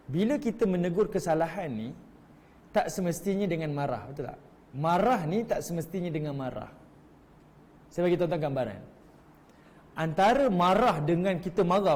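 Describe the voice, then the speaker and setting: A man's voice: high voice, a little mellow. Malaysian ustaz type guy, middle-aged, talks to the crowd casual, acts out little quotes, big echoey hall. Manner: conversational, addresses audience as tuan-tuan, acts out quoted voices. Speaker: religious teacher. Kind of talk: Quran study lecture. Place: hall, live stream. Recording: long hall reverb.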